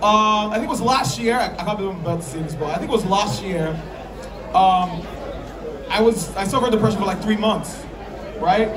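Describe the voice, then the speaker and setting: Man on an outdoor stage at night, high voice raised to a shout, heard from far off, loud crowd around. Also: fairly quick. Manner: shouting, earnest, asks the crowd to follow. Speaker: event host on stage. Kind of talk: live speech to an audience. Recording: distant crowd-filled event audio.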